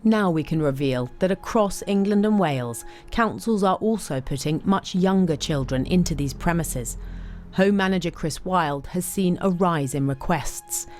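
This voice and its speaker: A woman news reporter gives a measured, serious scripted narration. Her voice sits a little low. A clear music bed plays under her words. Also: a little mellow.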